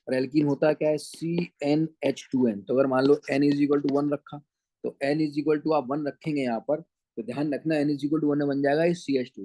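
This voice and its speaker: A man teaching chemistry in an online lecture speaks Hindi with a Punjabi flavour, calling his students beta and repeatedly checking whether they follow. His voice is a little high with a darkish tone, on a rough recording with no room sound.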